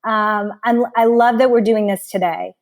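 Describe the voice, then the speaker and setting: A woman in her forties, a coach and author, chatting as a podcast guest in a frank, animated way, laughing and swearing freely. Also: fairly high pitch, moderate pace. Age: 40s. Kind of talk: casual chat.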